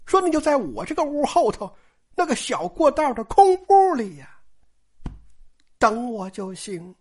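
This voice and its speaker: A woman voicing a sharp-tongued, domineering young noblewoman who talks in an imperious, scolding way. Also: high-pitched, big pitch swings, measured pace, slightly rough, exaggerated voice. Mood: coaxing.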